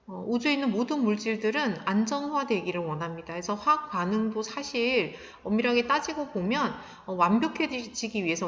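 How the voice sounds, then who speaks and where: A woman's voice: mid-range voice, a bit bright. A woman science teacher giving a recorded lesson, explaining step by step with many filler sounds. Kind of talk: recorded classroom lecture. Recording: dull, echoey sound with long reverb.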